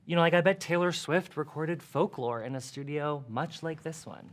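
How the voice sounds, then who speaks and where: A woman's voice: low-pitched, moderate pace, close to an everyday voice. A woman playing a vain young podcaster who gushes and fills her talk with "like". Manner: gushing, airy, valley-girl filler "like". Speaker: podcast co-host. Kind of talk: comedy sketch.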